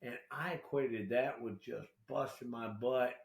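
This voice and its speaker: A man's voice: mid-range voice, measured pace, creaky, a loud crowd. A man in his sixties from South Carolina, telling his story as a guest in a casual, rambling way with lots of fillers. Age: 60s. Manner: animated, rambling, full of fillers. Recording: echoey room.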